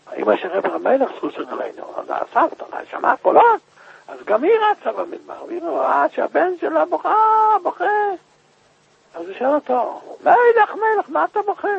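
A man preaching by telling a story with emotion, rising now and then to loud, high cries. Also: very animated, vocal fry, breathy edge, lo-fi sound. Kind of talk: storytelling sermon.

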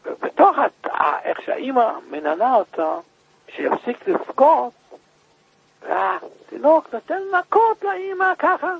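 A man preaching by telling a story with emotion, rising now and then to loud, high cries. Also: very animated, creaky, breathy edge, lo-fi sound. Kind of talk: storytelling sermon.

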